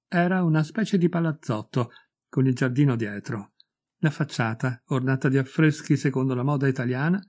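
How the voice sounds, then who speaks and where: A man narrating a short story as an audiobook reader, in a measured, clear storytelling delivery. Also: fairly high pitch, a little mellow.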